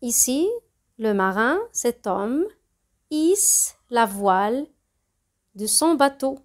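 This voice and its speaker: A woman's voice: a little high, animated, drawn-out words. A woman teacher reading a simple text aloud and carefully explaining its pronunciation to learners, spelling out letters and repeating words. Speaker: French teacher.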